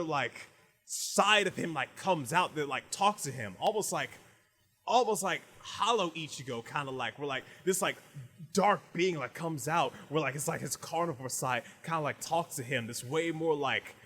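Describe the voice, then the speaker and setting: A man's voice: a little high, lively intonation, normal speed, fairly bright tone, slightly rough. A man hosting a casual podcast, rambling through a recap with "like" in nearly every phrase and frequent restarts. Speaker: podcast host reviewing anime.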